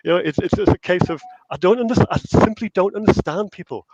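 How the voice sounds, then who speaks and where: A man's voice: high voice, a little fast, a little mellow, lo-fi sound, slight background noise. A man joining a live-stream panel over a remote call, speaking in an exasperated, impassioned way. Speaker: panel guest.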